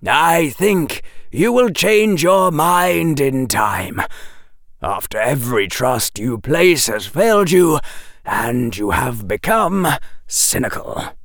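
A man voicing a dry, stern, cynical professor of magic in an audiobook, with measured, formal, condescending delivery. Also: mid-range voice, very animated, dry recording, voice pushed up. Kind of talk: audiobook character dialogue.

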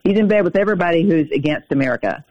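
A man's voice: a little high, expressive, very fast. Urgent man talking over the phone. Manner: urgent, emphatic campaign talk. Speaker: U.S. Senate candidate. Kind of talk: political interview. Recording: dull, lo-fi phone line.

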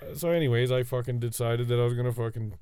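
A man's voice: mid-range voice, steady tone, quick pace, very noisy. A man co-hosting a podcast, telling a crude story in a rambling, profane way between friends' interruptions. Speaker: podcast co-host.

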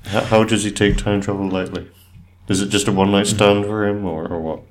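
A man's voice: lowish voice, fairly even intonation, brisk, a little hiss or hum. A man co-hosting a podcast in casual chat, with dry, teasing banter. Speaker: podcast co-host.

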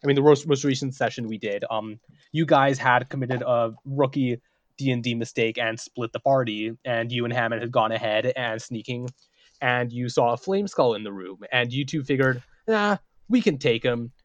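Man, podcast game master, lively storyteller, mid voice, dry close sound. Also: medium pitch, normal speed, no room sound, highs cut off. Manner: animated, acts out characters while telling stories.

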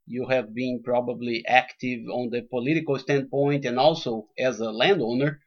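A man's voice: medium pitch, steady tone, moderate pace. A man hosting a podcast interview in a welcoming, courteous, conversational way. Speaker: podcast host. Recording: dull lo-fi podcast audio.

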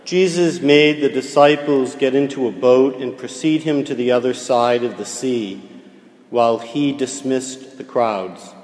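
A man preaching as a priest, reading the gospel and giving a homily in a slow, measured way with casual fillers, heard with cathedral echo. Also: mid-range voice, a little mellow. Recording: cathedral echo with long reverb.

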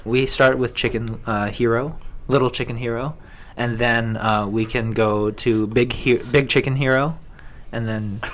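A man's voice: medium pitch, fairly even intonation, measured pace, few pauses, fairly bright tone. A man speaking as a guest in a casual, improvised way, often searching for his words. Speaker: guest pitching game ideas. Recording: clear background noise.

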